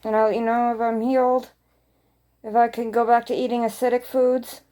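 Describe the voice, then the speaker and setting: A woman's voice: fairly high pitch, level tone, brisk, dark tone. A woman vlogger chatting casually to her viewers in a rambling way, often repeating phrases for emphasis.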